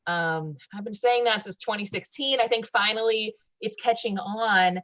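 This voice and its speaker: A woman co-hosting a comedy show, talking in a laid-back, deadpan, ironic way full of "like" and "you know". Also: mid-range voice, moderate pace. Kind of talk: deadpan satirical wellness chat.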